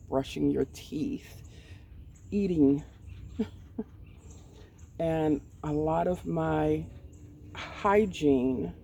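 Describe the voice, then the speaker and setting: A woman in her forties, talking candidly and hesitantly in a garden, with frequent pauses and ums. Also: deep voice, creaky, warm tone, recorded from a distance, a little hiss or hum. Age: 40s. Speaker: vlogger. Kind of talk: candid personal talk. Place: outdoors in a garden. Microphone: poor mic set away from the speaker.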